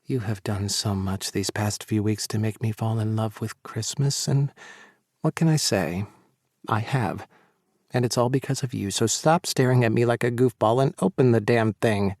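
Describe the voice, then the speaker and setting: A male narrator voicing a teasing, playful young man who is the narrator's lover, in a slightly lower and slower delivery. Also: a little mellow, no room sound, clean studio sound. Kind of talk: audiobook character voice.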